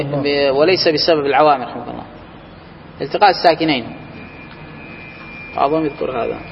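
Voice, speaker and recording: A man's voice: fairly high pitch, creaky. A man teaching a grammar class to students in person, explaining step by step and testing them with questions as he goes. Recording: reverberant room, muffled, faint hiss.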